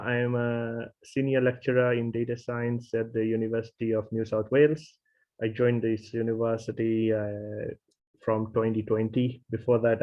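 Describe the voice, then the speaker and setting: Hesitant man from Fiji lecturing online. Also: mid-range voice. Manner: hesitant, many fillers and restarts. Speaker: university lecturer teaching a programming bootcamp. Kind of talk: online class introduction. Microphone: video call. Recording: dull lo-fi video call audio.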